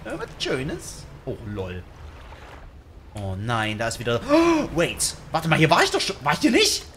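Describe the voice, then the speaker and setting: A young man chatting casually through a game as a YouTuber, slangy, joking and reacting loudly. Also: medium pitch, huge pitch swings, normal speed, a little hiss or hum. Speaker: gaming YouTuber. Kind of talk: casual let's-play commentary.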